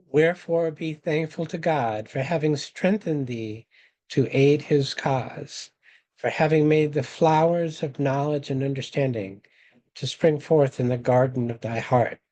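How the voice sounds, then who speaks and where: Slow, mellow-voiced man reading scripture. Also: medium pitch, rough recording. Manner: measured, reads quotations slowly and deliberately. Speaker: webinar presenter.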